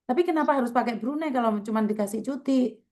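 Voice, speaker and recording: A woman's voice: fairly high pitch, fast, a little mellow. A woman hosting a video call, soothing and urging a worker, repeating her words. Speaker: host advising migrant workers.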